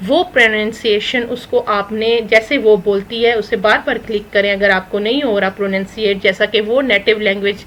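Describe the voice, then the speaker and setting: A woman teaching an English lesson in Urdu, reading English phrases slowly and explaining each one. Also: medium pitch, fairly even intonation, a bit bright, slight background noise, low-quality recording. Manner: mixes English words into Urdu. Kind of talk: recorded spoken English lesson.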